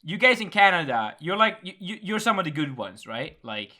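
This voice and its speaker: Animated bright-voiced man, Swedish-tinged English. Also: sits high, a little fast. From Netherlands. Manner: animated, excitable, swears a lot. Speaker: podcast guest. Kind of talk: casual podcast chat.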